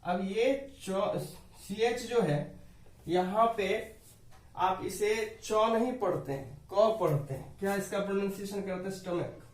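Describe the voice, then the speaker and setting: A man's voice: sits high, a little slow, reverberant, far from the mic, poor audio. A man teaching an English grammar lesson to students, explaining each rule patiently and often addressing them as dear students.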